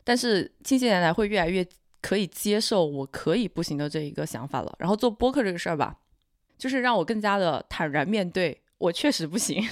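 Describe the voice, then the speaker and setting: A woman co-hosting a podcast in casual, reflective chat, sounding calm, cool and rational. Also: lowish voice, brisk, dry recording, studio quality. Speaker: podcast co-host.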